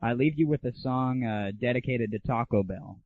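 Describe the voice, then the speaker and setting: Speaking at a normal pace in a medium-pitched voice, this gaming show host rants on his own and reviews games in a laid-back, slangy, irreverent and opinionated style. There's no echo, and the recording has the thin, telephone-like quality of 1990s internet audio.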